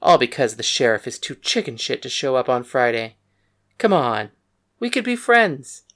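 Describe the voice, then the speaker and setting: A woman's voice: very deep voice, very animated, moderate pace, a bit bright, pitched below the performer's own voice, exaggerated voice. A woman voicing a bold, frank young gunslinging woman in an audiobook, speaking in a blunt, matter-of-fact way. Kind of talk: audiobook character voice.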